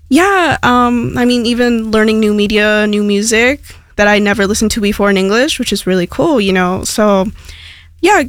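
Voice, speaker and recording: A woman's voice: mid-range voice, dry recording, studio quality. A young woman from Mexico whose first language is Spanish, chatting casually as a radio guest with lots of "like" and "um". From Hidalgo, Mexico. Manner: chatty, rambling, many fillers like "like" and "um". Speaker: radio station intern, guest. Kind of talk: casual interview talk.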